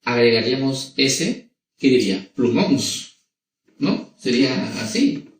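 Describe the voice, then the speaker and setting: A male primary school teacher with a Peruvian Spanish accent, explaining grammar to children slowly and repetitively, often checking in with them. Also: medium pitch, vocal fry, a little hiss or hum. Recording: echoey room, voice from a distance.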